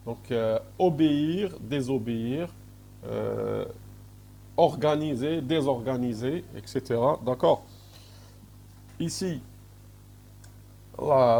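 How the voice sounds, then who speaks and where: Speaking with an Algerian French accent, a man gives a recorded university lecture in a dark, husky, mid-range voice. He takes his time, stumbles into many hesitations, and often turns to the students with "d'accord?"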